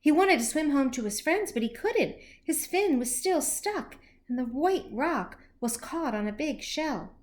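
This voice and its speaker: A high-voiced woman reads a picture book aloud to young children, speaking very slowly and deliberately. Her pitch swings widely as she tells the story with animation, and she asks her little listeners questions.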